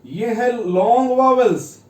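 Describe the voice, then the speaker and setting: A man's voice: very high-pitched, animated, unhurried, far from the mic. A man teaching a shorthand lesson, explaining step by step and often checking with the class in a repetitive way. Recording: echoey room, off-mic.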